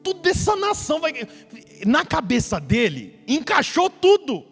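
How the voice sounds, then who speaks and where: Male pastor, very high voice, lively storyteller, church hall echo with faint music. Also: a little slow, gravelly. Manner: lively storytelling preacher who acts out the characters. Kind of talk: sermon.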